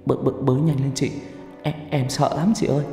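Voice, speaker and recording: A man's voice: medium pitch, big pitch swings, a little fast, darkish tone, natural voice. A man voicing a timid, frightened young woman who stammers and pleads, in a storybook reading. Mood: terrified. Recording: echoey hall with faint music.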